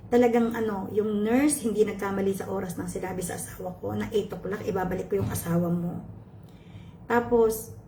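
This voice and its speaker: A woman's voice: mid-range voice, fairly even intonation, a little fast, a crowd in the background. A woman vlogger tells her viewers a personal story with feeling, often turning to address them and mixing in English phrases. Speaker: cooking channel vlogger. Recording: echoey room with faint ambience.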